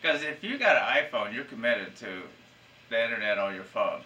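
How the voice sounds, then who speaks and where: A man's voice: mid-range voice, animated, moderate pace, sharp tone, recorded from a distance, a little hiss or hum. A man in his thirties chatting casually on a podcast, telling stories in a rambling, profane way. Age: 30s. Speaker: podcast host. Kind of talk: casual chat.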